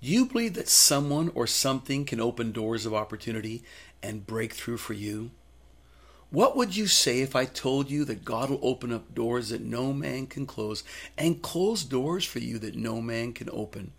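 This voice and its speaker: Gravelly man giving a devotional. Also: medium pitch, lively intonation, normal speed. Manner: earnest, personal storytelling. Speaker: minister. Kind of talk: short devotional message.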